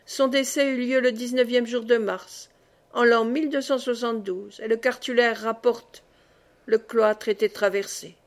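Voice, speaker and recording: A woman's voice: a little high, fairly even intonation, moderate pace. Woman reading a novel aloud. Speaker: audiobook reader. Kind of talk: scripted narration of a novel.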